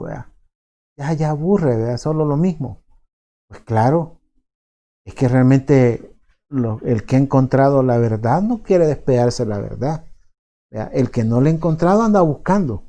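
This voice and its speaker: Pastor with a Salvadoran accent, mellow voice. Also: male voice, mid-range voice. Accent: Salvadoran Spanish. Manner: conversational, often adds tag questions; halting, repeats words while searching for them. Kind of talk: sermon.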